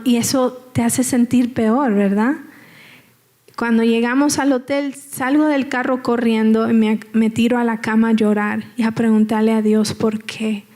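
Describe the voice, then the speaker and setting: A guest speaker with a mellow, somewhat high voice recounts her personal story as a church testimony. Her manner is conversational, with repeated phrases and check-ins with the audience.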